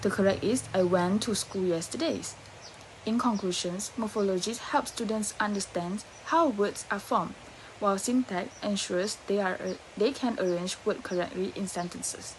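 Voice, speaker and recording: Young woman student presenter, mid pitch, steady reading. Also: normal speed, slight background noise, low-quality recording. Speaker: student presenter, future English teacher. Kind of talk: class presentation.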